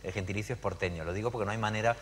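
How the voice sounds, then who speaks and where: A man from Argentina speaking as a panelist in a live conversation, animated and digressive with frequent hesitations. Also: on the low side, rapid-fire. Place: lecture hall at a public event. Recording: hall reverb, faint background noise.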